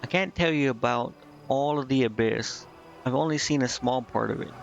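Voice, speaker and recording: A gravelly, medium-pitched man at a moderate pace streams a game, casually commenting and reading dialogue aloud with hesitant stumbles. Slightly muffled audio carries game music behind him.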